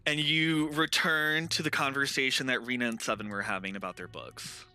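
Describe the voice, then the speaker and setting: A man's voice: mid-range voice, steady tone, normal speed, pushed and bright, faint music behind. A man narrating a tabletop game as game master, casual and chatty with lots of fillers.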